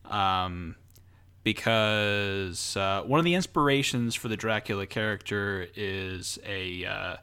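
A man's voice: fairly low pitch, slow pace, pushed and bright, smooth. A man co-hosting a casual comedy podcast, explaining a history topic in a hesitant way. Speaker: podcast co-host, supernatural expert.

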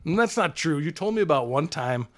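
A podcast co-host talks crudely and casually, in a loose, teasing, rambling way packed with fillers. His voice is on the high side, expressive, and fairly quick.

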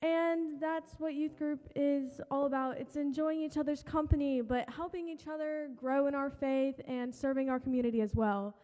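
Young female, high-pitched, youth group speaker reading a prepared church testimonial, reverberant hall. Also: steady tone, normal speed, hardly any pauses, mellow. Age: teens to young adult. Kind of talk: prepared short speech to a congregation. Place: large church room.

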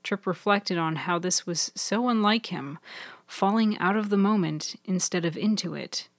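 A woman narrating her own serial fiction in a measured, even storytelling voice. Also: lowish voice, no room sound. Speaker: author and narrator. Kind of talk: scripted audiobook narration.

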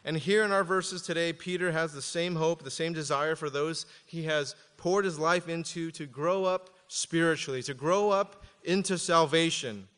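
A man preaching a sermon as pastor, reading scripture aloud slowly and then explaining it with casual asides. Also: a little high, fairly bright tone, clean tone, in a large hall.

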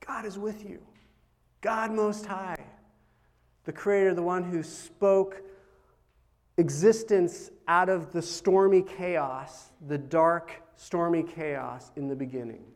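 A middle-aged man giving a conversational sermon as a pastor, telling stories in a casual, animated way with big swings in loudness. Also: fairly high pitch, slow.

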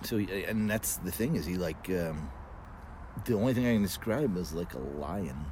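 Low-voiced male guest, casual fireside storyteller, colloquial and a bit sweary, recorded outdoors with clear background noise. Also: animated, moderate pace, darkish tone. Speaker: guest telling personal stories. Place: outdoors in a backyard. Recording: noisy outdoor ambience with vehicle sounds.

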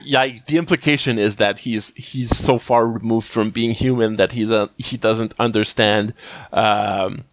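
A man's voice: fairly low pitch, steady tone, a little slow, dry recording. Male podcast co-host, casual rambling recap, lots of "uh" and "like", dry close sound. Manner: rambling, many fillers and restarts, frequent laughs.

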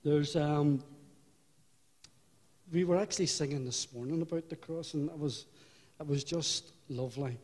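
An older man with a Belfast accent giving a personal testimony in church, unhurried and reflective, with halting restarts. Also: a little high, a little mellow. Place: church hall. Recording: hall reverb.

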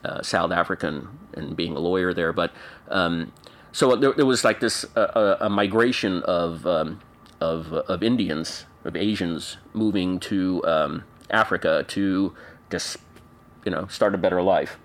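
A man's voice: sits low, unhurried, fairly bright tone. A man in his forties from Canada, speaking as an interview guest in a thoughtful, hesitant way with many restarts and fillers. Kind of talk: reflective conversational interview.

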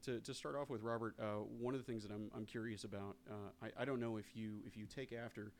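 Low-voiced, hesitant man hosting an interview. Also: steady tone, fast, a little hiss or hum. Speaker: interviewer, convention Q and A host. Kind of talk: casual live interview.

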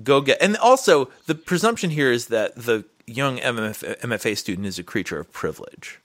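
A man's voice: mid-range voice, animated, fairly quick, fairly bright tone. A man who teaches writing, talking in a casual podcast chat. He rambles through his points with many restarts. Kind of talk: casual conversation.

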